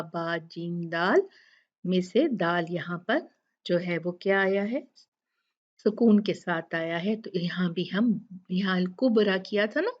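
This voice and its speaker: A woman's voice: lowish voice, highs cut off. A woman teaching Quran recitation rules, patiently breaking words into syllables and repeating them. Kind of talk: tajweed lesson with slow recitation.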